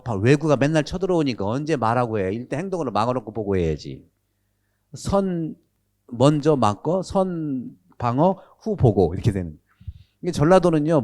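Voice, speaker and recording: Man, priest, catechism lecture, from Jeolla, quizzes the audience, very expressive pitch. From Jeolla, Korea. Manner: animated, asks the audience questions.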